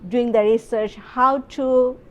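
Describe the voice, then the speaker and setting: A woman's voice: a little high, fairly even intonation, slow, dull audio. A middle-aged woman, a professor explaining her research in a conference interview, with many fillers and restarts. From Bangladesh.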